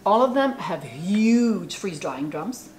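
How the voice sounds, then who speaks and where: A woman's voice: medium pitch, sing-song, slow pace, a little mellow, slight background noise. A woman from the Czech Republic in her forties with a Czech accent, chatting animatedly in an interview in a small office, with many fillers. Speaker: food company founder. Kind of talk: casual interview chat. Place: small office with bookshelves, indoors.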